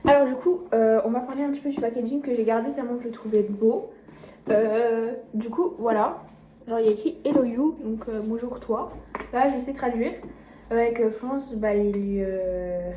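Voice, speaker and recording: A woman's voice: a little high, mellow. Rambling young woman in an echoey kitchen. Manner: rambling, filler-heavy, self-mocking. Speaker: vlogger. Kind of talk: casual vlog chat. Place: home kitchen. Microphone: phone camera mic. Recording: echoey room, faint noise.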